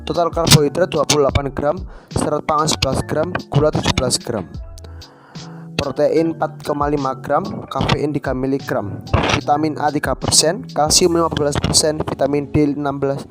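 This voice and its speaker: A man's voice: a little high, steady tone, normal speed. A teenage male student reads a scripted school presentation through a face mask, slightly muffled and stumbling on words. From Indonesia. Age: teens. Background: music.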